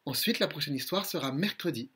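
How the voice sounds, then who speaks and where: A man reading a children's story aloud with lively expression, then signing off with soft casual chat. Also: a little high, fairly quick, husky. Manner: lively expressive reading, softer chatty sign-off.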